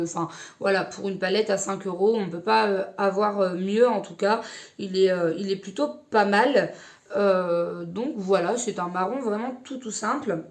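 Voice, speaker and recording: A woman beauty vlogger casually reviewing an eyeshadow palette, talking in a hesitant, chatty way with many pauses and restarts. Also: mid-range voice.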